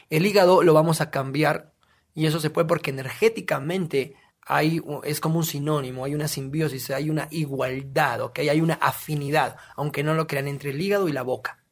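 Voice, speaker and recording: A guest on a casual podcast explains things emphatically, posing questions to himself and then answering them. His voice sits a little high.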